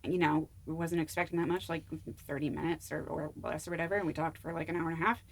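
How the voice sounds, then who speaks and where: A woman's voice: sits low, steady tone, fast talker, slight background noise. A young woman actor as a podcast guest, chatting casually in an earnest, enthusiastic way. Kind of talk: casual chat.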